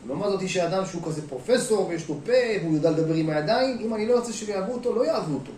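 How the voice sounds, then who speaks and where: A rabbi giving a lively sermon to an audience in a hall, shifting between talking and acting out quotes, calling out to the listeners. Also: male voice, sits high, slight background noise. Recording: echoey room, mic at a distance.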